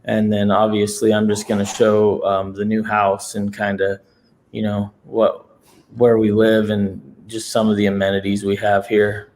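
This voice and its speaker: A man talks in a low, level voice that barely rises or falls. He hosts a casual livestream, rambling at an easy pace and leaning on fillers as he goes. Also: unhurried, slight background noise. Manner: relaxed, rambling with many fillers. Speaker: livestream host. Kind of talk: casual chat. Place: new home in a city.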